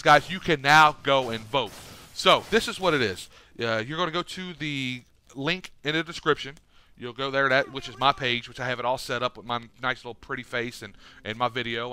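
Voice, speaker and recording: A man's voice: mid-range voice, pushed and bright, clean tone. A man hosting a casual gaming vlog, talking in a loose, rambling way with many fillers and restarts. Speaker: gaming YouTuber.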